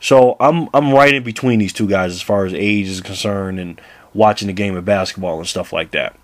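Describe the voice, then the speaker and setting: Talking basketball to the camera at a moderate pace, a man in his late thirties rambles, restarts his sentences, and laughs a lot. He is a vlogger with a low voice, recorded close and dry without any echo.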